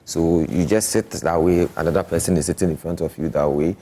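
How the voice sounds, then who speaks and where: Deep-voiced man explaining. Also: fairly even intonation, a little fast, warm tone. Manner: explanatory, often checking the listener follows. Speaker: artist. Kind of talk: casual interview talk.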